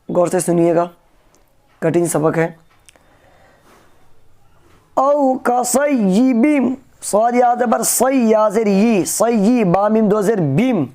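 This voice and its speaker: A woman teaching recitation. She chants verses slowly and melodically, then quickly spells out how to join the sounds. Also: medium pitch, dark tone. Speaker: Quran reading teacher.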